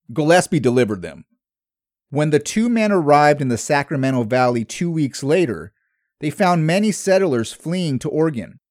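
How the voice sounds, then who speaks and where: Male history narrator, somewhat high voice, steady measured read, dry booth sound. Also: no room sound. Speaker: history podcast host.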